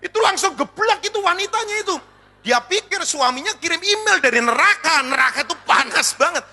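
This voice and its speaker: A man pastor preaching a sermon, telling funny stories in an animated way. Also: very high-pitched, fairly quick. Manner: animated storytelling with jokes.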